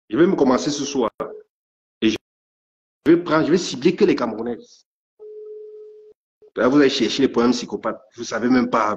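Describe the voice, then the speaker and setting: A man ranting angrily on a live stream, stammering and repeating his threats. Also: mid-range voice. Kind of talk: angry live rant. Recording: dull lo-fi stream audio.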